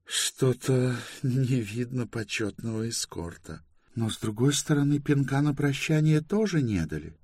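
A man voicing a sarcastic, quick-tempered young woman in an audiobook. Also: on the high side, slightly rough, no echo, studio quality, voice pushed up. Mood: wry. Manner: sarcastic, quarrelsome. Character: sharp-tongued young woman, quick to flare up.

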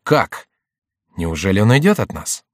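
A man's voice: deep voice, big pitch swings, measured pace, no echo, studio quality. Man voicing a suspicious young nobleman. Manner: questioning, respectful.

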